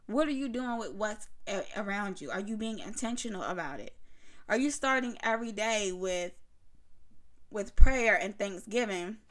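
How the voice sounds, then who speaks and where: A woman's voice: medium pitch, fairly bright tone. A young adult woman hosting a podcast, giving a conversational faith-based motivational talk to mothers, full of rhetorical questions and casual slang. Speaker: podcast host.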